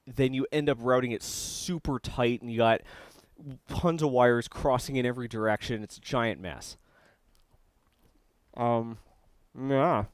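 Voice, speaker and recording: A young man streams live while working on a circuit board, eating as he talks in a mid-range, darkish voice. He chats casually, rambling and restarting sentences, and the recording is dry.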